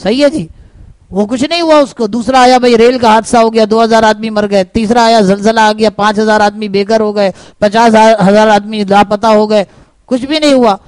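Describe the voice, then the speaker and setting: Preacher, male, unusually high voice, dry close sound, storytelling sermon with rhetorical questions. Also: steady tone, clear, resonant tone, dry recording, low-quality recording.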